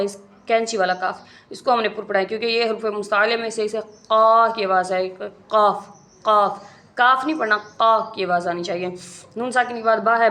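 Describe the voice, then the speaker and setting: A woman's voice: mid-range voice, a bit bright. A woman teaching Quran recitation, patiently explaining each rule step by step and repeating it. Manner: patient, methodical, repeats rules slowly. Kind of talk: step-by-step tajweed lesson.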